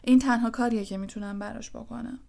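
A woman voicing a huge, gentle male gamekeeper who blames himself, in an audiobook. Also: fairly high pitch, fairly even intonation, gravelly. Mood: sad. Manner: sorrowful, self-blaming. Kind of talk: audiobook character voice.

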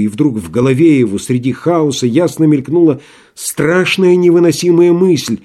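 Man, audiobook narrator, dark mellow tone, measured, dramatic reading. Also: mid-range voice. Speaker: audiobook reader. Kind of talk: literary narration.

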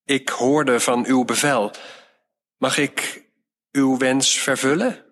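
A man reading a storybook aloud and voicing a humble, wise shepherd who speaks gently and patiently. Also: medium pitch, fairly even intonation, takes it slowly. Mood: calm. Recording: long hall reverb.

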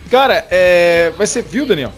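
A man's voice: sits high, expressive, moderate pace, soft background music. Young man hosting a casual podcast. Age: 20s. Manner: jokey, laughing, rambling with restarts. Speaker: podcast host.

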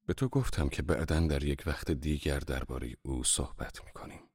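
A male audiobook reader voicing a guarded young millionaire who speaks softly and calmly. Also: rumbling low, slightly rough, dry recording, studio quality, voice pushed down. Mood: reassuring.

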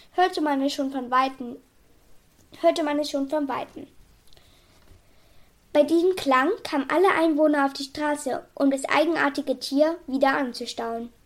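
A woman reading a children's story aloud in a calm, even storytelling manner. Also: sits high. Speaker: narrator.

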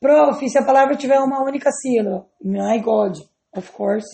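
A woman's voice: high-pitched, moderate pace, creaky, mellow. A woman teaching English grammar to students, patiently spelling out letters and checking they follow. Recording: roomy echo.

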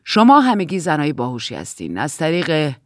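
A woman reading an audiobook, voicing a stern middle-aged male commander who lectures slowly and coldly. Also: sits low, huge pitch swings, no room sound, studio quality. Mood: lecturing.

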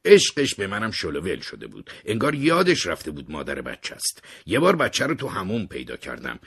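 A man tells a story in the first person with a very husky, breathy voice. His low voice rises and falls with lively, dramatic expression. The delivery has the feel of an expressive retelling. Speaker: narrator.

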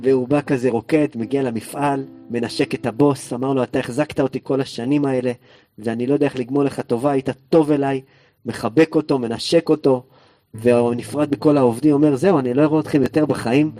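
Male Torah teacher, animated storyteller who acts out the characters, guitar music behind him. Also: mid-range voice.

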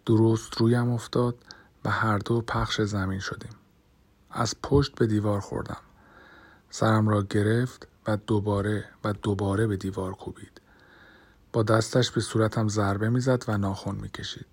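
Gravelly-voiced man narrating an audiobook. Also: fairly low pitch, level tone. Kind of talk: first-person audiobook narration.

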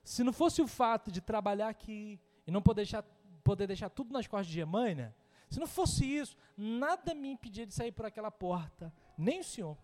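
A man's voice: high-pitched, animated, fairly quick, darkish tone, long reverb tail. A man with a Brazilian Portuguese accent preaching a sermon in a church, telling a personal story with humor and acting out the dialogue. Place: church hall.

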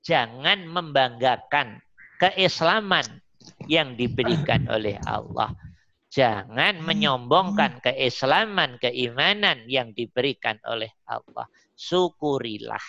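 Bright-toned man teaching a religious lesson. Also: medium pitch, animated, slow, dry recording, lo-fi sound. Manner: repetitive, keeps checking that listeners understand. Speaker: Islamic teacher (ustaz).

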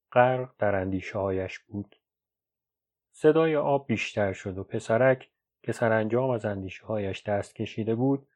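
A man reads a novel aloud at a measured, even storytelling pace. His voice sits fairly low. The recording is dull and lo-fi. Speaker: audiobook narrator. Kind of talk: scripted literary narration.

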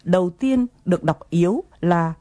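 A woman's voice: lowish voice, expressive, moderate pace, dark tone. A woman presenting an English lesson, explaining phrases patiently and coaxing learners to repeat them.

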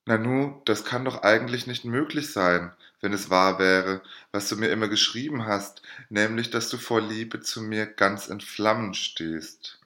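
A man's voice: lowish voice, fairly even intonation, normal speed, a bit bright, reverberant, close to an everyday voice. A man reading aloud and voicing a scheming, mocking noblewoman who speaks with feigned sweet sympathy. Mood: mock concern.

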